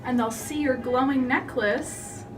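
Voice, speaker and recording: A woman's voice: sits high, fairly even intonation, unhurried, over music. An eighteen-year-old woman student, hesitant and giggly, full of fillers as she guesses. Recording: distant mic, background noise.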